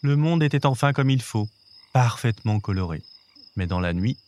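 A man's voice: medium pitch, lively intonation, moderate pace, darkish tone. Man reading a children's story.

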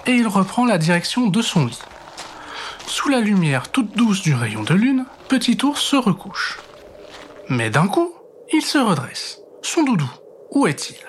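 A man reading a children's bedtime story aloud, expressive and gentle, dropping to soft whispers for suspense. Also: high voice, measured pace, a little hiss or hum.

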